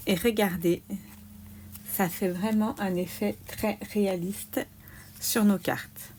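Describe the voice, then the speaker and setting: Slow-talking woman demonstrating crafts. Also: mid-range voice, steady tone, a little mellow, slight background noise. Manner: slow, explaining each step aloud, small "hop" asides. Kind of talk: step-by-step crafting tutorial.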